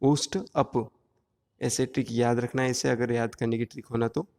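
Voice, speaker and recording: A male teacher giving an exam-prep grammar lesson, explaining slowly and drawing out each sound one at a time. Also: mid-range voice, level tone, darkish tone, big-room sound.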